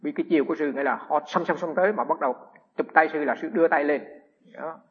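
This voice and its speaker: Husky-voiced monk, fairly high, telling lively anecdotes; dull lo-fi recording. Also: male voice, quick pace. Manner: lively anecdotes with frequent restarts. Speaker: Buddhist monk giving a dharma talk. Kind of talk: humorous storytelling sermon. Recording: echoey hall, dull lo-fi sound.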